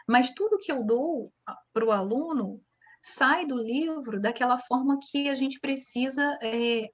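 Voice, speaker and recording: A woman from Brazil who teaches English speaks in a fairly high voice. She answers interview questions in a relaxed, chatty way, full of little fillers, and explains her points with examples.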